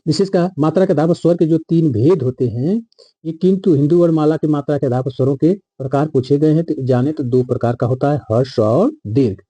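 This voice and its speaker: A man's voice: a little high, brisk, warm tone, slightly rough, no echo. A man teaching a grammar lesson, repeating each key line and quizzing his viewers as he goes.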